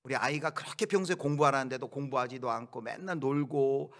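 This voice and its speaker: A man preaching a sermon as pastor, shifting from quiet explanation to loud acted-out outbursts. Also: mid-range voice, fast talker.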